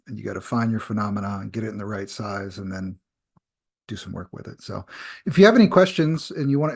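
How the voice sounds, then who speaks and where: Male presenter, casual and rambling, video-call audio, mid-pitched voice. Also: a little mellow. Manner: loose, chatty, many fillers and restarts. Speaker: workshop presenter.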